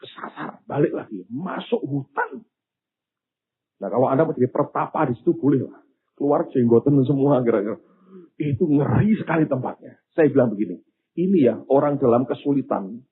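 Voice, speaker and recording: An older man, preaching a sermon with storytelling and animated, sometimes loud exclamations. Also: mid-range voice, breathy edge. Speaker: pastor. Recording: phone-like thin sound.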